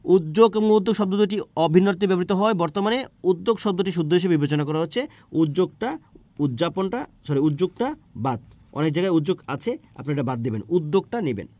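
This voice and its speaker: A man teaches spelling rules, and he talks very fast. His voice sits a little high, and he keeps asking and answering his own questions. The sound is dry and close. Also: dark tone, no room sound. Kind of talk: spelling lesson for exam prep.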